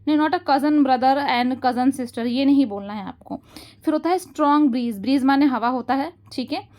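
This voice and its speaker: Indian woman, English grammar teacher, high voice, unhurried explanations, repeats each point. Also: darkish tone. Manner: slow deliberate English, quicker in Hindi; repeats points, frequent checks for understanding.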